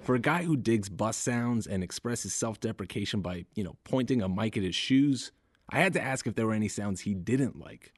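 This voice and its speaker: A man's voice: on the low side, moderate pace, no echo. A man hosting a podcast, reading scripted narration in a wry, conversational way. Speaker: podcast host.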